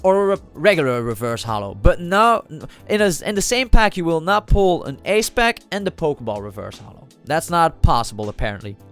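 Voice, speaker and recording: A trading card channel host with a cold talks casually over a card video, his voice slightly nasal, on the high side and clean. He thinks aloud with plenty of fillers and restarts.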